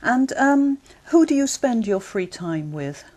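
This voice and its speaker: Clear, lively-voiced woman examiner. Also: fairly high pitch. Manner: measured and clear, encouraging murmurs. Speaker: exam interviewer. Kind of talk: scripted speaking-test questions.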